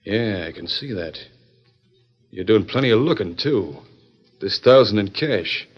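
An actor playing a stern, scheming outlaw gang leader in an old-time western drama, commanding and full of folksy frontier slang. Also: male voice, fairly low pitch, expressive, measured pace, slightly rough. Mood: menacing. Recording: dull lo-fi vintage recording.

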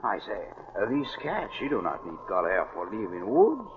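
A muddled trapper. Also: male voice, lowish voice, huge pitch swings, normal speed, noisy background. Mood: exasperated. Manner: broken English, muddled. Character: French-Canadian trapper, muddled and excitable. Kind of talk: 1940s radio acting. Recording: tinny old radio broadcast.

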